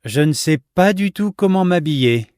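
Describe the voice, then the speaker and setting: A man reading short scripted lines for a language exam in a slow, careful, plain delivery. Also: a little high, animated, a little mellow, no room sound, studio quality. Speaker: voice actor in exam dialogue.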